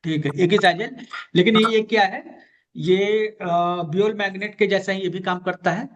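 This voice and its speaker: A man's voice: high voice, fairly even intonation, normal speed. A man teaching an online class on magnet therapy, patiently repeating key terms and directing a student. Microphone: video call. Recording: dull lo-fi call audio.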